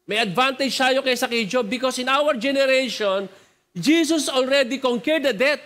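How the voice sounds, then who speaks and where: A man's voice: very high voice, moderate pace, pushed and bright. A man preaching with a Filipino accent, conversational and switching languages, often asking the crowd to respond. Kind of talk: sermon mixing joke and scripture.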